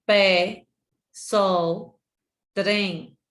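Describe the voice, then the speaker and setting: A woman teacher from Brazil with a Sergipe accent, giving a remote lesson to children and repeating words slowly and deliberately. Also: medium pitch, steady tone, a bit bright, roomy sound. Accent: Sergipe Brazilian Portuguese.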